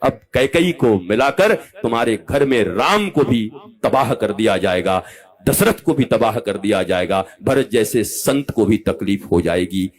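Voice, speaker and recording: A man in his fifties, a spiritual teacher, giving a live discourse. He speaks animatedly, rising to loud exhortation and dropping to soft asides as he addresses his listeners directly and affectionately. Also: lowish voice, expressive, unhurried. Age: 50s.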